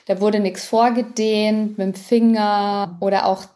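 Her voice is mid-range and dark, with little pitch movement and a measured pace. A podcast co-host in her late thirties, she chats frankly, pokes fun at herself, and laughs frequently.

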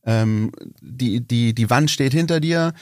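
A man's voice: medium pitch, slow pace, darkish tone, dry recording, clean studio sound. A man hosting a casual football podcast, thinking aloud and hesitant, with frequent fillers and restarts. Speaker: podcast host.

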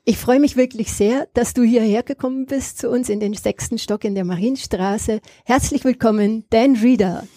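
Woman podcast host, mellow voice. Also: fairly high pitch, moderate pace, few pauses, no echo, studio quality. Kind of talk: casual interview.

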